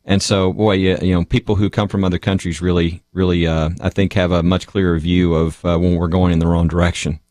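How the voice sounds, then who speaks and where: A man on a radio round table, commenting in a halting way with many restarts. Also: low-pitched, flat delivery, a little mellow, dry recording, clean studio sound. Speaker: radio show co-panelist.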